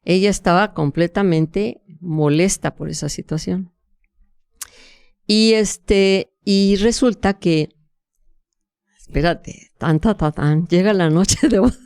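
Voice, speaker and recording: A woman's voice: lowish voice, takes it slowly, a little mellow, clean tone, no echo. A woman, a guest telling a vivid, emotional first-person story full of restarts and fillers. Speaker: interview guest.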